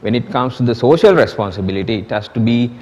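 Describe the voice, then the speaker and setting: A man with a Sri Lankan accent giving a conference presentation as an architect, with halting, loosely worded delivery. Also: mid-range voice, animated, darkish tone. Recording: echoey hall with long reverb.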